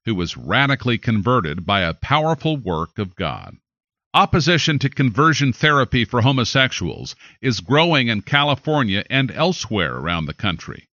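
A man's voice: medium pitch, pushed and bright, dry recording, dull audio. An American man reading scripted news in an emphatic, dramatic announcer style. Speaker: news anchor.

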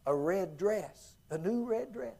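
Man voicing an insistent Appalachian mountain woman, high-pitched. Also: animated, a little slow, vocal fry, a little mellow, exaggerated voice. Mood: earnest, insistent. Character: devout poor mountain woman, plainspoken and insistent. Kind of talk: acted quote in a sermon story.

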